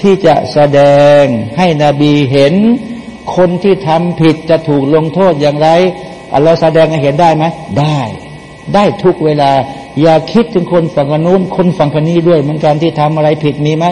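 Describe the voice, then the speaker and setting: Speaking at a moderate pace in a steady, dark-toned, slightly high voice, this male Quran teacher gives a sermon-like commentary in which he asks his audience questions and then answers them. He breaks up his plain explanations with chanted Arabic verses, heard over faint background noise in a long, reverberant hall.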